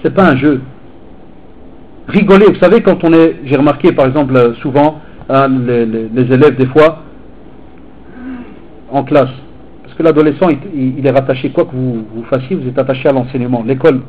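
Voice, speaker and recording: A man, a teacher and preacher, giving an animated, informal sermon to teenagers and mixing street talk with religious phrases. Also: mid-range voice, normal speed, pauses often, phone-quality sound, a little hiss or hum. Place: hall in Belgium.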